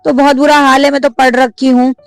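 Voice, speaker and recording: A woman's voice: sits high, flat delivery, fairly quick, no room sound, faint music behind. A woman in her thirties, a vlogger and mother, chatting casually to camera, many fillers, and a complaining tone.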